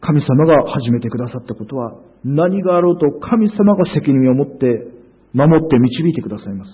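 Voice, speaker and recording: A man's voice: mid-range voice, expressive, fairly quick, breathy edge. A man preaching a sermon in an earnest, emphatic way, with frequent hesitations. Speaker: pastor. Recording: phone-like narrow sound.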